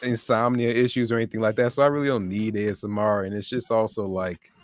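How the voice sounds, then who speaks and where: A man's voice: on the low side, level tone, fast talker, no echo. A young man hosting a casual tech livestream, talking in a laid-back, rambling way with restarts. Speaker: livestream host. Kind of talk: casual chat.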